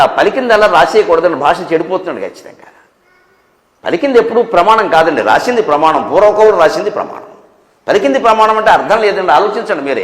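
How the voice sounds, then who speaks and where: High-voiced man preaching in an echoey hall. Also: a bit bright. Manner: scolding, rhetorical questions, wry humour. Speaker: spiritual discourse speaker. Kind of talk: Telugu spiritual discourse. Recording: echoey hall with long reverb.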